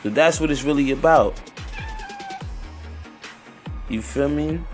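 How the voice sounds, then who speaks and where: A man who sounds high, hosting a casual podcast alone in a rambling, repetitive, slangy stoner manner. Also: slow, faint music behind. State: high on weed. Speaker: podcast host.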